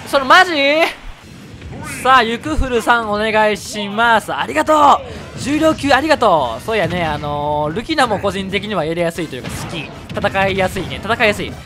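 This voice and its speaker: A man with a Kansai Japanese accent commentating his own fighting game matches, excitable and quick to shout and laugh at big plays. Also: high-pitched. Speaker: gameplay commentator. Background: background music.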